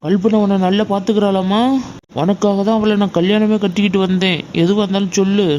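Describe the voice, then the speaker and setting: A woman's voice: mid-range voice, little pitch movement, fairly quick, darkish tone, a little hiss or hum, lightly acted. A woman voicing a demanding, rude young husband in a cartoon, barking at his wife. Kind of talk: cartoon voice acting.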